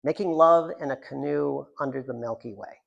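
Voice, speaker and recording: A writer reads from his own work at a live event, using a gravelly, creaky voice of ordinary middle pitch at a moderate pace. The high frequencies in the recording are cut off. He veers into rambling asides, joking and putting himself down.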